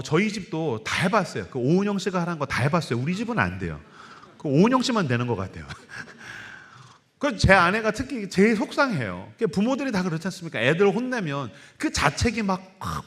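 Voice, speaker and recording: A middle-aged man preaching a sermon as a pastor, telling stories in an animated way and putting on voices. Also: high-pitched. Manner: animated storytelling with acted voices. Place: church sanctuary.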